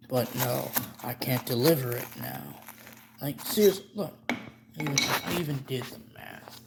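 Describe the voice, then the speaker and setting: A man's voice: mid-range voice, moderate pace, creaky, heavy background noise, lightly acted. A man playing a rambling, stammering middle-aged chemist cook in a comedic how-to tutorial. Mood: dry, instructive. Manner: rambling, stammering, self-correcting.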